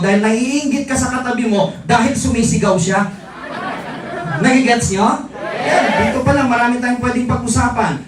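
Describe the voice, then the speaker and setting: A middle-aged man, giving a live motivational seminar talk to distributors, teasing the audience and asking rhetorical questions. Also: very high-pitched. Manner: teasing, jokes with the crowd, asks rhetorical questions. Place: large indoor event hall. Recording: echoey hall from far off, faint crowd. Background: faint audience noise.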